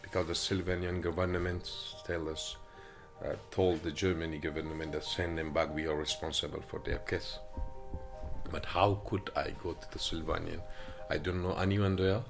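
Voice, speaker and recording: A man from Afghanistan, speaking halting with many hesitations as he gives personal testimony in an interview, recorded in an apartment. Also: a bass voice, little pitch movement, creaky, over music. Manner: halting non-native English with frequent hesitations.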